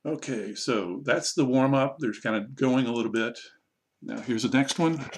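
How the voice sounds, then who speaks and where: A man, an online English teacher, casually explaining how to run a practice lesson in a relaxed, conversational way. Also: mid-range voice, moderate pace. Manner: relaxed, conversational, self-correcting.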